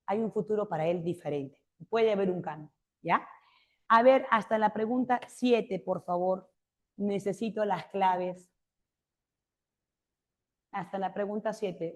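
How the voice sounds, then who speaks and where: A woman's voice: medium pitch, a little mellow. A woman giving a classroom literature lecture, explaining points and often checking with rhetorical questions. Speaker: literature teacher.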